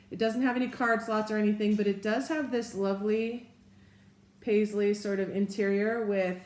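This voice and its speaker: A chatty woman talks through her things in an unhurried, casual way, pointing out each detail as she goes. Her voice sits at an ordinary middle pitch. The room around her gives a noticeably roomy echo. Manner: chatty, unhurried, describing items step by step. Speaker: vlogger. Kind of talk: casual bag show-and-tell.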